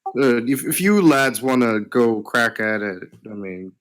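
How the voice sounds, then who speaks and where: A man in casual tabletop game chat, tossing out quick, offhand questions. His voice sits in a middle pitch and sounds everyday. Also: expressive, a bit bright. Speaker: player.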